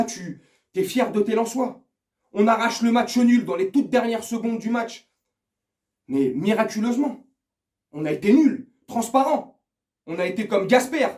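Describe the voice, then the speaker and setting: Ranting crude football fan, high voice. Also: male voice, darkish tone, echoey room. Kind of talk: angry casual match debrief.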